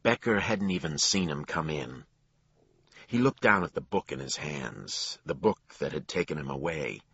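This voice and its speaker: A man narrating a crime thriller audiobook in a measured storytelling voice. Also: animated, bright, forceful tone, slightly rough, dry recording, muffled recording. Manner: low, measured storytelling with acted dialogue.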